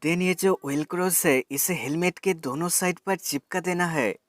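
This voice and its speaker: With faint music playing behind him, a man with a fairly high voice talks a little slowly. It's a product demonstration and how-to voice-over: he explains a tech product step by step and speaks to his audience as friends.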